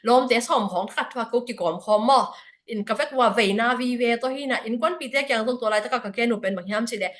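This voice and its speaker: A woman's voice: on the high side, fast, a bit bright. A woman speaking at a church prayer fellowship service, giving a spoken report to the congregation with frequent hesitation fillers.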